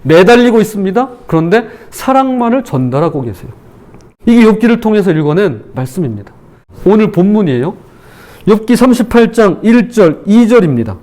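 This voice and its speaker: Man, pastor, sermon, high voice, very expressive pitch, animated delivery. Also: fairly quick. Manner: animated, acts out quoted speech with feeling. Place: church.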